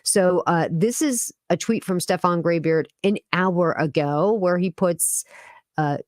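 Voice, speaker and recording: Sarcastic woman host, low dry voice. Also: a little slow, no echo. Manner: chatty, frequent "like" and "you know" fillers; indignant, sarcastic commentary. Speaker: crypto channel host. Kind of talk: live-stream commentary.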